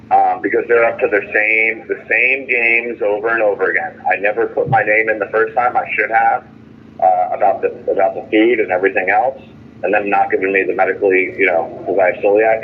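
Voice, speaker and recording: Over a tinny, noisy phone line from jail, a man with a lowish voice speaks without a script. He's indignant, recounting his complaints emphatically with quoted dialogue, though he halts often, repeats himself, and keeps restarting.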